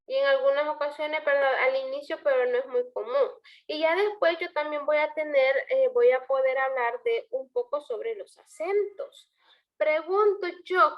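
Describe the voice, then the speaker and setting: A high-pitched woman, a language teacher, gives an online class lecture on poetry, explaining step by step and asking her students questions. The recording is muffled.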